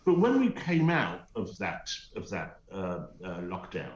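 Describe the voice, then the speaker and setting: Speaking from home over a roomy, dull remote line, an animated Teesside man from North East England gives opinionated talk show commentary as a guest. His deep voice runs a little slow, and he's emphatic and scornful yet hesitant, with many uhs.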